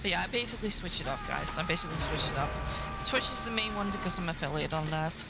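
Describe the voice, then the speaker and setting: Quick and expressive, her low-leaning voice carries a chatty running reaction to the match she's streaming. She's a native Dutch speaker, and the recording is very noisy, with game music playing.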